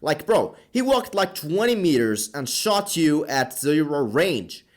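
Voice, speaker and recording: A man's voice: a little high, very animated, measured pace. A man giving a comedic voice-over recap of an anime, sarcastic and profane, often sounding exasperated.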